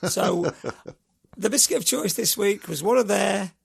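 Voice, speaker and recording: Brief: middle-aged man, gravelly and raspy, high-pitched for a man, chatty podcast host who rambles. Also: unhurried. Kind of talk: casual chat.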